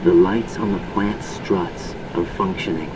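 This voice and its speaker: Cool special ops sneaker in a game, really low terse voice, distant, noisy hum. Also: male voice, fairly even intonation, unhurried. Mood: businesslike. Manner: terse, matter-of-fact. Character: cool, terse special forces infiltrator reporting in. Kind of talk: video game voice acting, radio reports.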